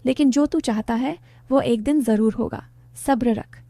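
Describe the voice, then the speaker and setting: A woman voicing a lonely, affectionate middle-aged aunt in a spoken story, speaking in a soft, coaxing way in a close, dry recording. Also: on the high side, normal speed, dry recording, close to an everyday voice.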